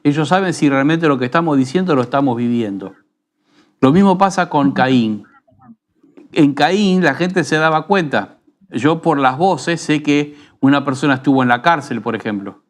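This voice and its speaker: Argentine pastor teaching in an unhurried tone. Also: male voice, a little high, expressive. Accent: Rioplatense Spanish. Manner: unhurried, teaching tone with frequent rhetorical tag questions. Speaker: pastor and radio program host. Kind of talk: conversational preaching.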